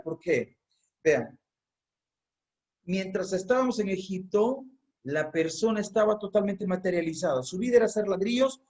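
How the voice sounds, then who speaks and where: Guy with a high voice teaching a group online, explains slowly, repeats stuff. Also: a little mellow. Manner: explanatory, repeats key phrases for learning. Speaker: congregation teacher. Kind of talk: online religious class.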